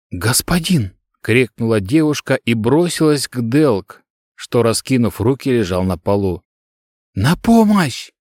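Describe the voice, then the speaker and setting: Brief: man narrating an audiobook, even delivery, dry studio sound. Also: medium pitch, no echo. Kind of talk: scripted narration.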